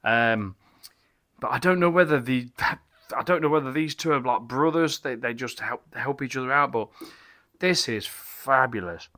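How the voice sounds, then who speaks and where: A man's voice: mid-range voice, moderate pace, pushed and bright. A middle-aged man reviewing beer in his small home bar, talking enthusiastically and rambling, with many restarts and exclamations. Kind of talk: casual beer review vlog. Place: small home bar cabin with bottle shelves, indoors.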